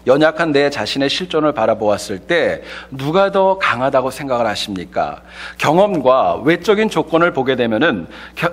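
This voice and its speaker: In a church sanctuary, a pastor with a slightly high voice preaches a Sunday sermon, telling light, humorous stories in a lively way before turning to the scripture.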